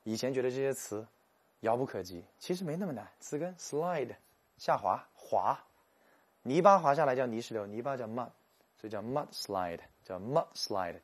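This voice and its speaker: Animated man teaching English vocabulary. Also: fairly low pitch. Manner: animated, jokey, stretches English words slowly to show pronunciation. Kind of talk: lively classroom lecture.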